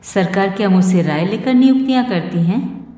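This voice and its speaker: A woman's voice: medium pitch, lively intonation, normal speed, close to an everyday voice. A woman voicing an irritable, busy lawyer of about forty who talks curtly and brusquely. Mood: curt irritated. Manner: curt, brusque. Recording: roomy reverb with soft music.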